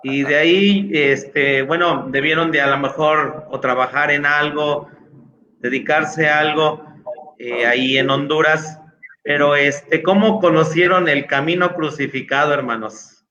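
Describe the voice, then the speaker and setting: A man's voice: on the high side, steady tone, a little slow, sharp tone, highs cut off. A man interviewing pastors at a church event, offering encouraging affirmations and follow-up questions.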